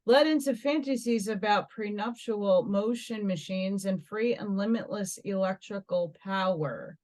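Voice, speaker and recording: On a low-quality recording, a mid-range female voice reads articles aloud for a metaphysical vlog. The host, an American woman from New York, keeps veering into musing, dramatic personal commentary.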